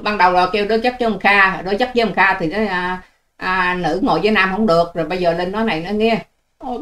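Fast, combative older woman. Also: mid-range voice, fairly bright tone. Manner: combative, scolding, sarcastic. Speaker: online channel host. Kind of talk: ranting vlog monologue to viewers.

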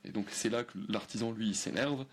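Man, fairly low, gravelly and husky; conversational guest, hesitant delivery with fillers and restarts. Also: fairly quick. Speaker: guest historian. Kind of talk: conversational explanation.

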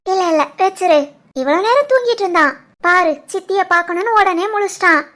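A woman plays a doting new mother in a cartoon village story, guarding her baby with a very high, piping voice. She speaks fondly in a Tirunelveli Tamil accent. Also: brisk, fairly bright tone. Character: proud protective young new mother. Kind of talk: animated family story voice acting.

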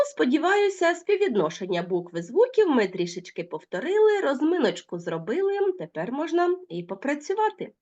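A woman teacher giving an online school lesson to children, talking straight to the pupils and drawing out the example words slowly. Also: a little high, lo-fi sound. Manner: lively, addresses pupils directly, drawn-out example words.

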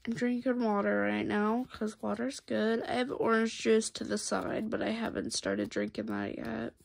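With slight background noise, a woman hosting a coloring channel chats to viewers as she colors, sounding congested from a cold. Her slightly high voice has lively intonation and vocal fry, and she speaks softly and unhurriedly with pauses. An overhead camera captures her hands.

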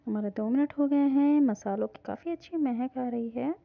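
Female cooking host, calm instructive voice-over, slightly high pitch, lo-fi phone audio. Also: normal speed, vocal fry. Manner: calm, instructive, repeats "hum" often. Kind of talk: step-by-step recipe voice-over. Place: home kitchen.

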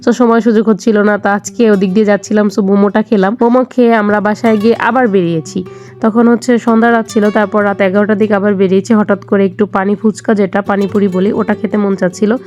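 A woman's voice: mid-range voice, fairly even intonation, fast talker, a little mellow, lo-fi sound, faint music behind. A young woman from Bangladesh, a vlogger, narrating her day in a chatty, rambling voice-over with many fillers.

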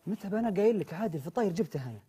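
Fast, insistent Saudi man, high voice. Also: lively intonation, warm tone, slightly rough. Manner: insistent, exasperated, repeats himself. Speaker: comedy show host. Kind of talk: comic sketch dialogue.

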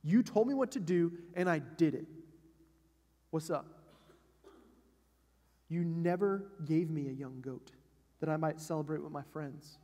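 A man's voice: on the high side, a little slow, long pauses, dark tone. A man voicing an indignant, entitled older brother who complains in a whiny, exasperated way, heard in a long hall reverb. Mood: resentful.

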